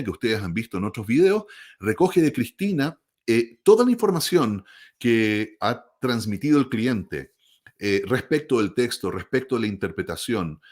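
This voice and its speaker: A man who produces audiobooks, explaining the craft in a measured way and often checking in with the listener. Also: lowish voice. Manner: measured, explanatory, frequent tag questions. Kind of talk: explanatory talk.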